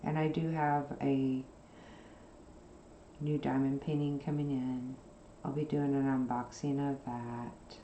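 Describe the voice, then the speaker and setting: A soft-spoken woman with a very low, mellow voice chats casually while she sews, wandering between topics at an unhurried pace. She sounds like she is in a roomy space, with a faint hum of noise behind her. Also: level tone. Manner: rambling, soft-spoken, with frequent fillers. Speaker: craft channel host. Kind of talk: casual chat while sewing.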